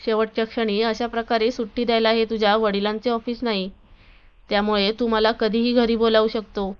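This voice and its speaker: A woman's voice: on the high side, little pitch movement, fairly quick, clean tone, lightly acted. A woman voicing an angry, domineering young husband in a read-aloud story, in a bossy, demanding tone. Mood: irritated, demanding. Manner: shouting, bossy. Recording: dull lo-fi recording.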